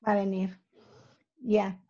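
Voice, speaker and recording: A woman's voice: medium pitch, level tone, takes it slowly, dark tone, breathy edge. A woman in her sixties with a Rioplatense Spanish accent, hosting a coaching video call in a direct, encouraging way through a headset from her home office. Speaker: host and mentor. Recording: dull lo-fi call audio.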